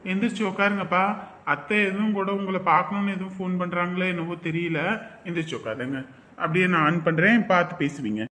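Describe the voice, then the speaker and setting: Man, bright and raised voice, polite dutiful son role. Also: high-pitched, fast, a little hiss or hum. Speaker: son in the drama. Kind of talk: Tamil village web drama acting.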